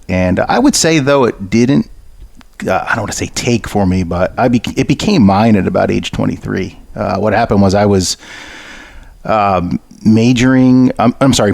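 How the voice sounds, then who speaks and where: A man guesting on a podcast, telling his faith story earnestly with frequent pauses. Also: fairly low pitch, creaky, a little mellow, dry recording. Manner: earnest, many fillers. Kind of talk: interview storytelling.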